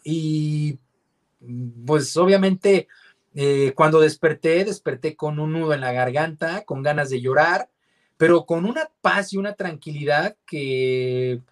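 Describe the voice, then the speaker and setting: A man's voice: a little high, a little slow. A man, a radio announcer and guest on an interview show, telling a personal story in a reflective, hesitant way with many fillers and restarts. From Mexico.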